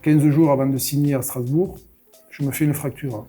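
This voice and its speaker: Man with a southwest French accent, halting. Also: mid-range voice, steady tone, dark tone, husky, soft background music. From southwest France. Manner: hesitant, many "euh" fillers and restarts. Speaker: brewery founder, interview guest. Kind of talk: casual interview storytelling.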